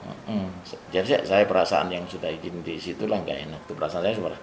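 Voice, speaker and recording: An older man telling a story in casual spoken style, animated and rising to loud bursts at tense moments, with a gravelly voice. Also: deep voice, quick pace, noisy background. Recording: roomy room with clear background ambience.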